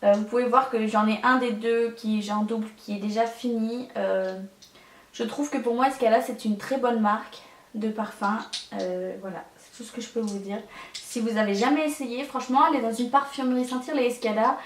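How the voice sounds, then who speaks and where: A woman's voice: on the high side, fairly even intonation, normal speed, roomy sound, recorded from a distance, slight background noise. A young woman chatting in a casual vlog, hesitant and full of fillers as she shows her collection. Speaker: beauty vlogger.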